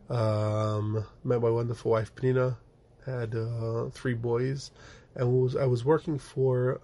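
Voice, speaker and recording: A middle-aged rabbi and organization director, born in the United States and raised in Israel, tells his life story as a guest on an interview show, speaking from an office. He rambles with frequent fillers and restarts in a creaky, slightly mellow, mid-range voice.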